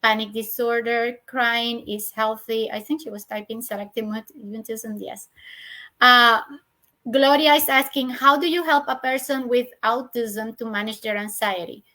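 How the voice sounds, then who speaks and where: A woman's voice: fairly high pitch, measured pace, sharp tone. A middle-aged woman answering parents' questions in a live webinar, earnest, often repeating herself, with many fillers and restarts.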